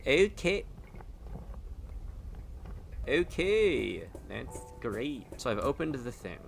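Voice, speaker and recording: A man streaming a horror game with excitable, jokey commentary and mock-scared outbursts. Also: mid-range voice, very slow, gravelly. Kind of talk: lively gameplay commentary, reading game text aloud. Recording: music behind the voice. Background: game music.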